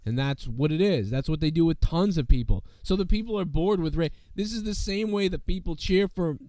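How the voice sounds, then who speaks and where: This sick male podcast host, whose voice is going, rambles through casual, profane show commentary peppered with "you know what I mean." He sounds a little high, expressive, mellow and fairly quick. There's no room sound, but the recording is rough.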